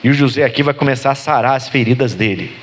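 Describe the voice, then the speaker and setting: A man, a pastor preaching a sermon in an animated way, his pitch climbing for emphasis as he asks the congregation for amens. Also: fast talker.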